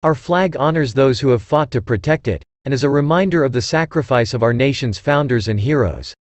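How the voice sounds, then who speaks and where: A male narrator delivers inspirational quotations in a deep, firm voice. His scripted reading is solemn and measured, giving weight to the close of each phrase. The sound is dry, with no room around it. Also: no room sound. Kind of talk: scripted narration of motivational quotes.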